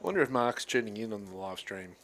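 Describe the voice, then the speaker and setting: A man with an Australian accent calling drag races from a commentary box, chatty and quick to laugh. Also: fairly low pitch, fairly bright tone. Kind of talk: live race commentary.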